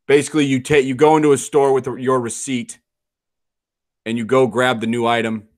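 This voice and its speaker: A man of ordinary pitch trades loose, profane banter as a podcast co-host. He rambles through restarts and breaks into laughter often. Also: a bit bright. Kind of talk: casual podcast chat.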